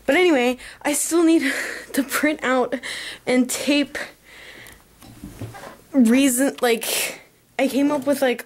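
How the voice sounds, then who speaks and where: A young woman vlogging casually from a handheld camera at arm's length, rambling with lots of fillers and giggles. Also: on the high side. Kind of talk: casual vlog chat. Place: home, then a car at night.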